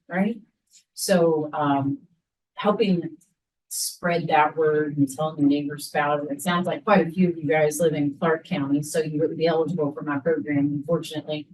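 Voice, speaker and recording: Low-voiced woman explaining a program from afar. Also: distant mic, low-quality recording. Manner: conversational, filler-heavy explaining. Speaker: extension program coordinator. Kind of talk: informal class presentation.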